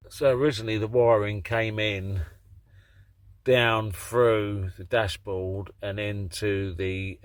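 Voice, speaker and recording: A British man with a fairly low voice hosts a casual repair vlog. He thinks aloud as he works, rambling along in a plain, matter-of-fact manner. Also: dry recording. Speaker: vlog host doing DIY car repairs. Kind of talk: casual chat and work commentary.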